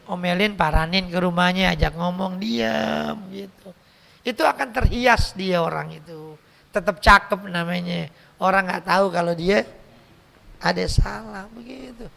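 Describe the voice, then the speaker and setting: Betawi-accented male preacher, high gravelly voice, chatty and joking teaching style in a mosque. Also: measured pace, bright, forceful tone. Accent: Jakarta Betawi. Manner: joking, conversational, slangy, quotes Arabic text then explains. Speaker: cleric teaching a mosque study circle. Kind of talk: casual teaching sermon. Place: mosque hall.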